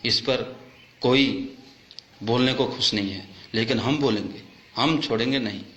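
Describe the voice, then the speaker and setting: A man who is an army soldier, making an impassioned complaint, full of indignant rhetorical questions and rising almost to shouts. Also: medium pitch. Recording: echoey, dull, faint background hum.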